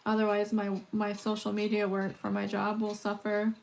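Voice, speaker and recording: A woman's voice: medium pitch, monotone, moderate pace, vocal fry. A woman in her thirties with a slightly scratchy, weak voice, chatting casually and rambling on a livestream while she beads. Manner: chatty, rambling, laughs often. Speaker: livestream host. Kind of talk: casual chat while beading.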